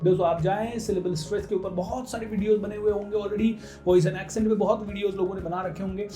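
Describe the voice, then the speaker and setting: A man from India, coaching English pronunciation in a casual Hindi lesson and slowing right down to drill stressed syllables. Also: high-pitched, fairly even intonation, warm tone, reverberant, faint music behind.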